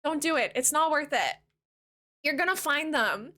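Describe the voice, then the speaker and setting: A woman's voice: high voice, expressive, moderate pace, pushed and bright. A young woman from Canada chatting casually with her viewers while live-streaming a game, bubbly and giggly.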